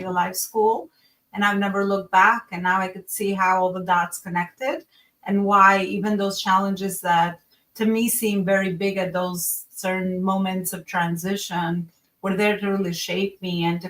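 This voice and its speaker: A woman's voice: mid-range voice, a bit bright, recorded from a distance, poor audio. A woman in her forties from Albania, telling her story as a podcast guest in an earnest, reflective way, with many fillers and restarts.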